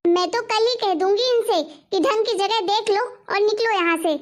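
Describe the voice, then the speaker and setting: A woman's voice: extremely high pitch, normal speed. A woman playing a defiant young daughter-in-law. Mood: angry. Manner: sharp, complaining. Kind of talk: animated family story voicing.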